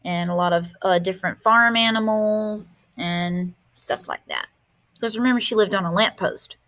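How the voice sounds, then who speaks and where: A woman's voice: mid-range voice, normal speed, fairly bright tone. A woman teacher reading a picture book aloud to her class, stopping to explain words and ask questions. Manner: explains vocabulary and asks the class questions, with fillers.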